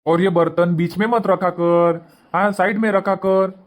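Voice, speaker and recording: A man's voice: sits high, steady tone, a little slow. A man voicing a harried cartoon husband. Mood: placating. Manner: pleading, placating. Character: harried young husband caught between wife and mother. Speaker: son and husband.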